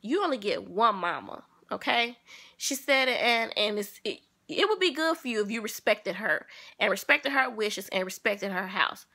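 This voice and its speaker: A woman vlogger telling a personal story to her viewers in an animated, sassy way. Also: fairly high pitch, moderate pace. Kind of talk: casual storytelling.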